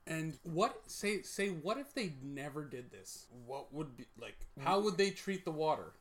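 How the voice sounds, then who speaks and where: A man co-hosting a casual podcast chat, asking questions and quick with sarcastic jokes. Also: on the high side, big pitch swings, a bit bright. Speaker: podcast co-host.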